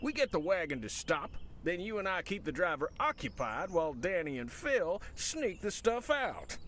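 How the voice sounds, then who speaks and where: An actor playing a wry, folksy frontier schemer with a drawling way of talking in a video game. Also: male voice, high voice, big pitch swings, normal speed, a bit bright, a little hiss or hum. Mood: eager.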